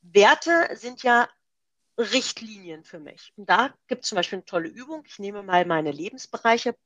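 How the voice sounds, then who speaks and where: A woman's voice: mid-range voice, expressive, normal speed, fairly bright tone, dry recording. German woman coach, dry close sound. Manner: practical, explanatory, gives worked examples. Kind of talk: interview guest explaining.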